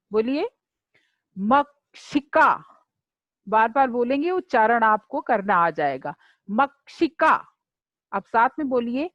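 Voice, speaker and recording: A woman teacher explaining a lesson slowly and deliberately, repeating words for her students to say along with her. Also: a little high, no echo, lo-fi sound. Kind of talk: slow classroom explanation.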